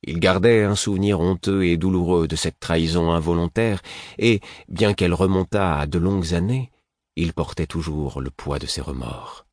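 A man narrates a first-person audiobook in a very low, deep voice. The delivery is measured and grave. The sound is dry and close, with no room echo. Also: darkish tone.

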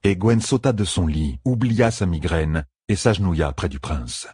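A man reading fantasy fiction aloud as an audiobook narrator, in a measured, dramatic delivery. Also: low-pitched, a little mellow, slightly rough, no echo, studio quality.

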